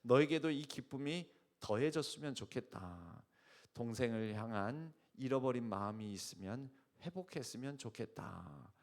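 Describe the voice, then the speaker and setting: A man voicing a gentle father who softly coaxes his elder son to share his joy. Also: medium pitch, lively intonation, moderate pace, creaky. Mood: coaxing.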